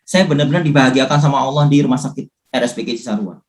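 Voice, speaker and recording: A man speaking in a casual talk, telling his own recovery story in an animated way and acting out the things people said to him. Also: medium pitch, racing.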